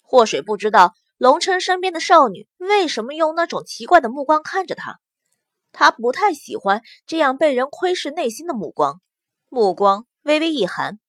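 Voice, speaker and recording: A woman's voice: sits high, big pitch swings, moderate pace, dry recording. A woman narrating a novel as scripted audiobook narration, telling the story expressively. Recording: dry close studio sound.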